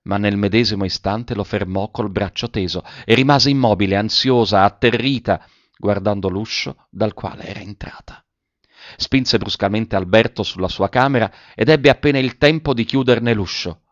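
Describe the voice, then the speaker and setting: A man with a lowish voice reads a literary story aloud in a measured, even manner. The recording is dry with no room sound, and slightly dull in tone. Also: dry recording. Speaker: narrator. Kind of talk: scripted literary narration.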